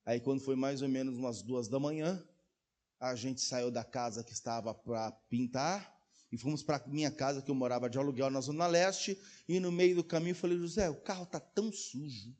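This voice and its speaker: A man preaching a sermon as pastor, telling stories and acting out dialogue, swinging from quiet asides to loud exclaimed peaks. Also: medium pitch, moderate pace. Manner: acts out dialogue in quoted voices. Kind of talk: sermon with storytelling.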